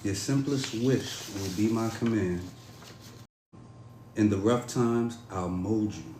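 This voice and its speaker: A man performing a spoken-word poem to a woman in a measured, dramatic, pleading delivery. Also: on the low side, background noise. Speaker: podcast host performing a poem. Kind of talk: spoken-word poetry recital. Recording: roomy echo.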